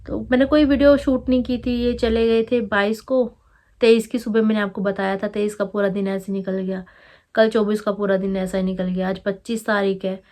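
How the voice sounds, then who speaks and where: A woman's voice: medium pitch, flat delivery, normal speed, a little mellow. Young woman vlogging, feeling unwell, hurt and indignant, calling out commenters right to the camera. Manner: upset, indignant, addressing commenters directly. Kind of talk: emotional vlog talk to camera.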